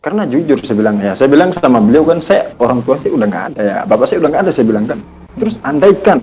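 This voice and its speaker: A man's voice: medium pitch, dark tone, slight background noise, low-quality recording. Earnest man telling a personal story. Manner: earnest, reflective, often quotes himself. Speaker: podcast guest, Islamic teacher. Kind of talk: casual storytelling in conversation.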